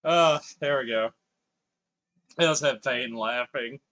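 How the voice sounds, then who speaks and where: A male gaming livestreamer speaks unhurriedly in a mid-range, slightly bright voice. He chats with viewers as he plays, reading out their messages and occasionally swearing.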